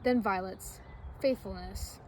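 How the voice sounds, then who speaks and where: A woman's voice: medium pitch, slow pace, a little mellow. A woman reading out a scripted literary explanation as a student guest. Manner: spells out quotation marks aloud. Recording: faint outdoor background noise.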